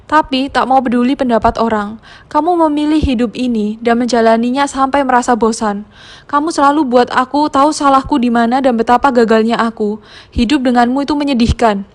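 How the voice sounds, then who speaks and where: Female narrator doing a bitter, resentful husband, a little high and raised. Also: close to an everyday voice. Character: angry bitter husband in a failing marriage.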